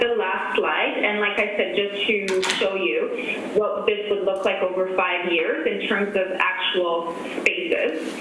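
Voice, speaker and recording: A woman giving a measured presentation over a video call, with many "um"s and restarts. Her computer-mic audio sometimes breaks up. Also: mid-range voice, recorded from a distance. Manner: measured, many "um"s and self-corrections. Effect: voice over a video call, breaking up at times. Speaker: presenter to a council task force. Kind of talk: remote slide presentation. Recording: very echoey call audio with faint noise.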